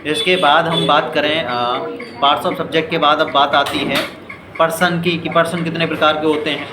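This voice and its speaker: A man's voice: a little high, fairly even intonation. An Indian man teaching spoken English in Hindi, explaining step by step and often asking whether his students understood. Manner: explains slowly, asks "clear?" and "ठीक है" often; reads English examples very slowly and deliberately. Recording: echoey room with noisy background.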